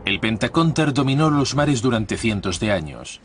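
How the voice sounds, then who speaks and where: A man giving a scripted documentary voice-over with a measured, formal delivery, recorded on a studio mic. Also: mid-range voice, very animated, a little hiss or hum. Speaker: documentary narrator.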